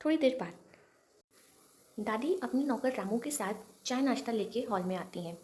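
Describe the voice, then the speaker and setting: A woman narrating a romantic storybook with expressive, dramatic delivery. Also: on the high side, moderate pace.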